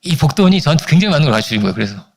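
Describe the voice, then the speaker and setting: A male pastor delivers a sermon in a raised, lively voice that swings up and down as he talks. He drops to soft, quiet words for emphasis and acts out the people in his stories. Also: very fast, gravelly, husky. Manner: animated storytelling, acting out family quarrels in high voices.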